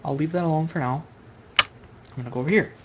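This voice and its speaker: A man's voice: on the high side, fast, lo-fi sound, noisy background. A man commentating on his own online Go game in a loose, rambling way, thinking aloud and correcting himself mid-sentence, recorded at home at a computer. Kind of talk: casual live game commentary.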